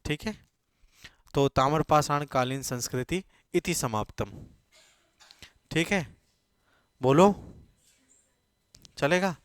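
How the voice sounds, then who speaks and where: A man's voice: a little high, expressive, takes it slowly, pauses often, smooth, no echo, studio quality. A male teacher giving a classroom lecture, dictating notes, repeating key words and checking in with his students.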